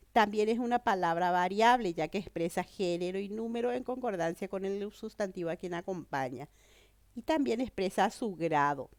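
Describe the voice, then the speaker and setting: A woman's voice: medium pitch, a little mellow, no room sound. Female teacher with a cold, patient explainer, close dry mic. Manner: explanatory, checks understanding with "¿verdad?" and "¿mm?". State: has a cold. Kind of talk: online grammar lesson.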